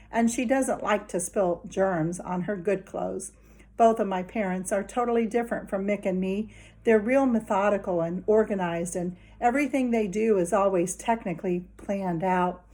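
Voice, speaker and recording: A woman's voice: mid-range voice, moderate pace, darkish tone. A woman reading a children's novel aloud in a friendly, conversational way, talking straight to young listeners. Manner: conversational first-person storytelling. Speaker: children's book reader.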